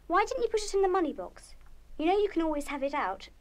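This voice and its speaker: High-pitched, bossy older schoolgirl. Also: sing-song, fast. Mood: stern, scolding. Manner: scolding, emphatic. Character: bossy, stern senior schoolgirl monitor. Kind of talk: 1970s full-cast children's radio play acting.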